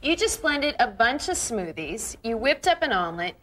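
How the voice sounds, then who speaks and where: A woman's voice: on the high side, big pitch swings, normal speed, background noise. A woman playing an amazed young wife in a scripted infomercial. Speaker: infomercial guest.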